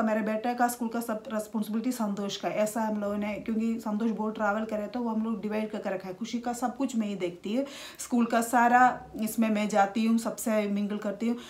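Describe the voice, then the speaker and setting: A woman, talking casually to camera in a halting way with many restarts. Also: on the high side, darkish tone. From India. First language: Malayalam. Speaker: vlogger.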